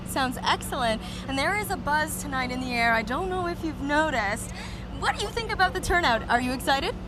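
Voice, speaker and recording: A woman with a very high voice presents and interviews for television. Her pitch swings in a lively way, her delivery is upbeat, and traffic noise is clear behind her. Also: fairly quick. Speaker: TV bingo show co-host and interviewer. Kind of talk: on-location TV interviewing.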